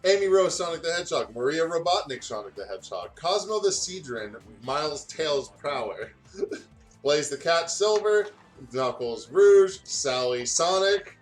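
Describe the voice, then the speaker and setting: Hosting a let's play, a man with a higher voice and big swings in pitch casually reads fan fiction aloud at a measured pace. He is giggly and goofy, often stumbling over the words, with music playing behind him.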